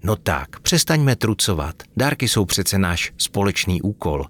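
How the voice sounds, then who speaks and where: A man voicing a cheerful female elf who briskly rallies the others. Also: fairly low pitch, very animated, fairly bright tone. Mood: rallying.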